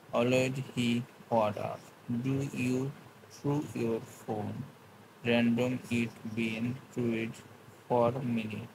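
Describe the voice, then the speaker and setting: A man chatting live with viewers and answering their comments in halting, broken English. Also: mid-range voice, noisy background. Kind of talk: casual live-stream chat.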